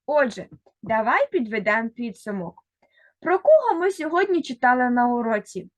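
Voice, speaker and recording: A woman teacher giving a recorded reading lesson to first graders. She speaks slowly and carefully, sounding out words one by one, and talks straight to a single child, pausing for answers. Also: a little high, big pitch swings, dry recording. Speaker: primary school teacher.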